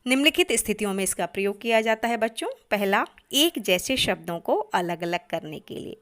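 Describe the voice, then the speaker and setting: An Indian woman teaching an online grammar lesson to children, speaking deliberately and often addressing the class. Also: mid-range voice, lively intonation, fairly bright tone.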